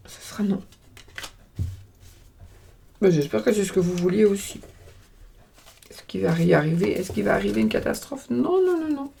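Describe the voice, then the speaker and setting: A woman's voice: mid-range voice, steady tone, moderate pace, vocal fry, pauses often, warm tone, slight background noise. A woman with a regional French accent reading tarot cards in a casual vlog, talking hesitantly while chewing gum. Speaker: tarot card reader.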